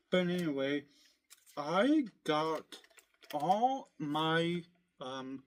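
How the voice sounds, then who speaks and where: A man vlogging at home in a rambling, casual way, his voice hoarse from being sick and his throat often clearing. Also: fairly high pitch. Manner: rambling, full of fillers and restarts. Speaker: vlogger showing his collection.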